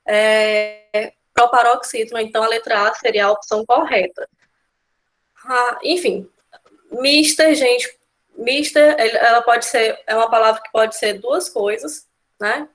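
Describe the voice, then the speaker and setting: A woman's voice: fairly high pitch, fairly even intonation, moderate pace. A woman with a Brazilian accent teaching an exam-prep grammar lesson, explaining step by step and often checking in with her students. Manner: explanatory, keeps adding "né?" and "tá?" checks. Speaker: Portuguese teacher.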